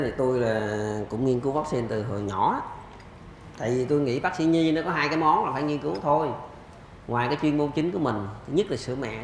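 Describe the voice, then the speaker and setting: A man's voice: fairly high pitch, gravelly, reverberant, slight background noise. A man lecturing on pediatrics, answering questions emphatically with rhetorical questions.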